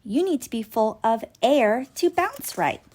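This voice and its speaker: A woman acts out a caring little girl toy doctor from a children's storybook. She is slow and clear in explaining, reassuring and matter-of-fact, with a lively lilt. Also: a little high.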